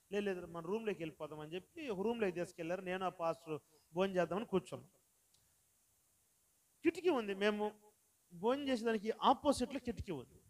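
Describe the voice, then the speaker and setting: A pastor with a high voice delivers a sermon to his congregation. He tells his story in a soft, conversational way and then climbs into loud, drawn-out preaching. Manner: quiet storytelling that builds to loud, slow preaching.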